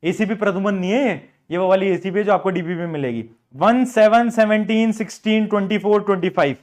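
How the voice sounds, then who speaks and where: A man's voice: sits high, brisk, darkish tone. A man teaching an online class, chatty, repeating phrases and mixing English terms into his talk.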